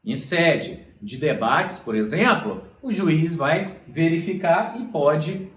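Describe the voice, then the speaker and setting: A man's voice: a little high, expressive, slow pace, echoey room. A man giving a recorded law lecture, explaining step by step and checking in with "tá?" and "olha só".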